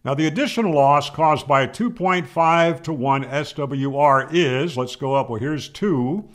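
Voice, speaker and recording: A ham radio video host in his 60s or 70s explains technical topics to camera, emphatic and quick to settle the questions he raises. He speaks at a measured pace in a voice on the high side with a fairly bright tone. The setting is a small home room with a close studio mic on a boom arm.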